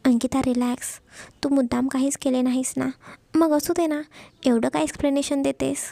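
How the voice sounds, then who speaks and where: A woman voicing a shy, guarded young college woman who speaks hesitantly and softly. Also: high voice, little pitch movement, normal speed, gravelly, no room sound. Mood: reassuring.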